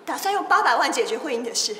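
A furious younger sister in a TV drama, very high and rapid, hurling bitter accusations with her voice breaking. Her bright, sharp voice bounces around an echoey hall with background noise. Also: big pitch swings.

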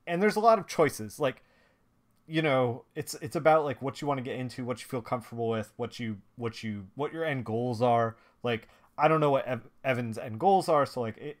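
A man hosting a live stream, chatting casually in a rambling way with many restarts and filler words. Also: medium pitch. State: watery eyes, sniffly. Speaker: streamer and comic colorist host.

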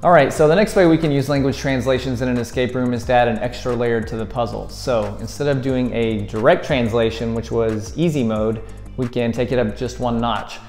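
Recorded indoors on a lapel mic with faint music playing softly behind him, a man in his thirties hosts a friendly escape room how-to demonstration at a table against a plaster wall. He's upbeat and brisk, with an ordinary middle pitch and fairly even intonation, explaining each step while handling props.

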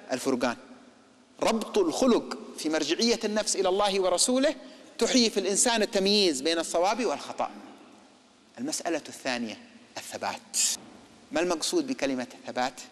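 A man delivers a religious lecture at a quick clip, his voice sitting high. He poses rhetorical questions and acts out little imagined exchanges. A long reverb trails behind his words. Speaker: preacher.

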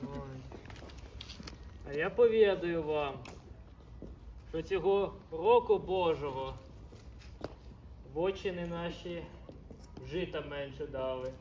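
Man acting a coaxing monk, slightly high voice, faint hum. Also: slow pace, pauses often, mellow. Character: monk bringing new potatoes. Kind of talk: historical theatre acting.

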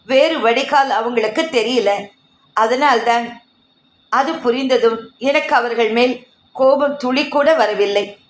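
A serene, wise grandmother speaks slowly and plainly about her life in a slightly high voice, as a woman reads her in a storybook tale. Her words come gently and unhurried. The sound rings in an echoey room. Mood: reflective. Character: older grandmother, calm and wise, cheerful.

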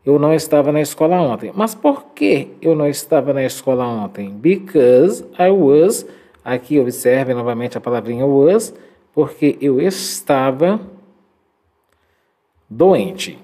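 A male English teacher whose first language is Portuguese, walking students through phrases in a recorded lesson. He speaks slowly, with a mellow tone and a pitch that rises and falls a lot as he models each phrase for students to repeat. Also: expressive. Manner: slow, drawn-out modeling of English phrases for repetition.

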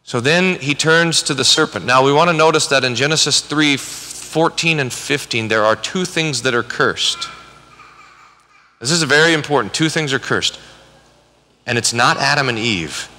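Bright-voiced man preaching in a reverberant hall. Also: mid-range voice, normal speed, slight background noise. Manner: conversational, restarts often, acts out quoted voices. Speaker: conference speaker, Bible teacher. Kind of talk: lecture-style sermon.

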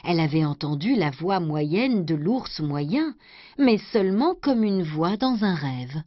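A woman storyteller doing an expressive scripted storybook narration. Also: fairly low pitch, measured pace. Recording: dry, dull lo-fi recording.

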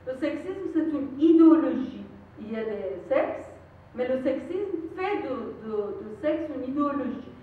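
A woman's voice: sits high, very animated, measured pace, a little hiss or hum. A woman from Iran with a Persian accent, giving an earnest, emphatic conference talk and sometimes searching for words. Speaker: lecturer. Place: conference room. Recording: echoey hall, recorded from far off, dull sound.

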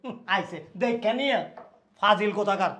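A man's voice: sits high, moderate pace, bright, forceful tone. An actor playing a domineering older father-in-law who scolds and gives orders. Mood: commanding. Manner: scolding, bossy. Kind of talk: Bangla drama acting.

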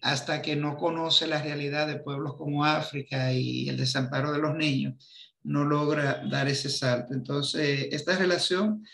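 A man in his fifties moderating a film forum on a video call, speaking slowly and hesitantly as he searches for words. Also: fairly high pitch, fairly even intonation, vocal fry, a bit bright. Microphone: video call webcam.

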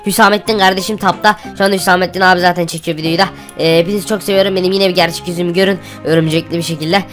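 Woman playing a spider-suit boy hero, cheerful, chatty, lowish voice, rapid-fire. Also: steady tone, faint music behind, close to an everyday voice.

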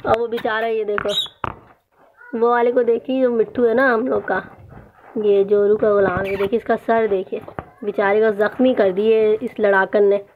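A woman's voice: medium pitch, flat delivery, moderate pace. A woman in a casual pet vlog, coaxing her parrots in a sing-song voice while talking to viewers. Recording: dull lo-fi sound with loud background noise.

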